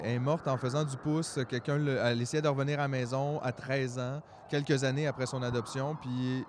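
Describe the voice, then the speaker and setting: A man's voice: medium pitch, slight background noise. Earnest Québécois man in his forties. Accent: Québécois French. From Quebec, Canada. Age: 40s. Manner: earnest, rambling storyteller. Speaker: podcast co-host. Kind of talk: casual chat.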